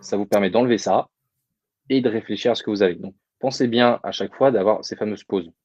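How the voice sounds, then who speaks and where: A man's voice: lowish voice, fast talker, darkish tone, no echo, muffled recording. A man giving casual public speaking advice in a webinar, answering questions informally with many fillers. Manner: informal, addresses audience directly, many fillers.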